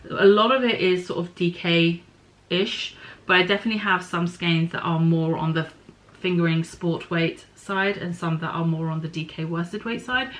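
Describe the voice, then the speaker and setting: A woman's voice: fairly low pitch, steady tone, normal speed, few pauses, fairly bright tone, poor audio. A middle-aged woman hosting a podcast, chatting casually about her knitting and spinning, thinking aloud and stopping to apologise for small slips. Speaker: podcast host.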